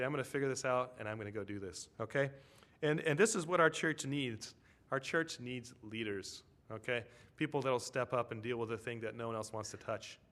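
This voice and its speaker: A man's voice: medium pitch, a bit bright. A man preaching a conversational sermon, telling a story and asking his congregation tag questions.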